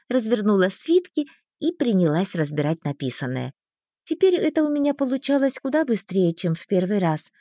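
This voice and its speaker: A woman reads a first-person audiobook with a fairly high voice. Her intonation is lively and expressive. The recording is dry and close, with no room sound. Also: no echo. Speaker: audiobook narrator.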